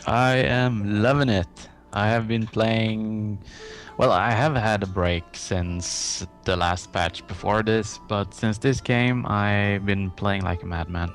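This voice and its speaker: Low-voiced male guest, eager and halting, faint music behind. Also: fairly even intonation. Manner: eager, halting, frequent uhs and self-corrections. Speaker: podcast guest. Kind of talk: casual gaming podcast chat.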